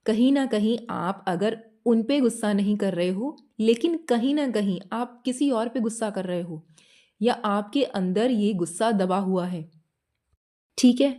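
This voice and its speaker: A woman with a mellow, soft-edged voice gives a spiritual talk straight to her listener. She explains step by step, poses questions, and keeps checking in to make sure she is followed. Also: medium pitch, measured pace. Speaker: spiritual guidance channel host.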